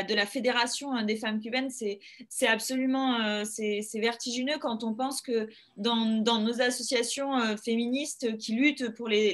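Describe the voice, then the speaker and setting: A woman moderating an online round table, her voice sitting a little high. She talks haltingly, restarting sentences and filling pauses as she hands over the floor. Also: fairly bright tone. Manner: hesitant, many fillers and restarts. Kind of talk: hosting an online panel.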